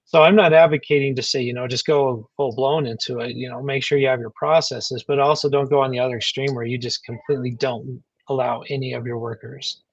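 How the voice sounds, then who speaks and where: A man's voice: medium pitch, fairly even intonation, brisk, dry recording, dull audio. A man co-hosting a live talk on workplace HR, speaking in an earnest, explanatory way. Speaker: HR co-host. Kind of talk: casual live show chat.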